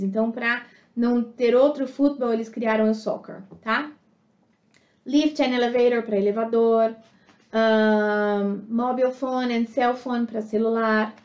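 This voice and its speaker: A Brazilian woman teaches an online lesson in a fairly high voice, stopping often to check that her viewers follow. The sound is roomy and a little dull, as if recorded in a bare room. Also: a little mellow. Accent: Brazilian Portuguese. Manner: explanatory, many fillers and checks with the viewer. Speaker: English teacher.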